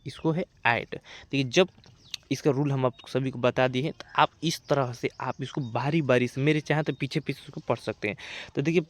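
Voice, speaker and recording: A man's voice: mid-range voice, no echo. Hindi-speaking male teacher spelling out words. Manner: repetitive, keeps saying "dekhiye", spells words out letter by letter. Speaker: English teacher. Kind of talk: spoken lesson.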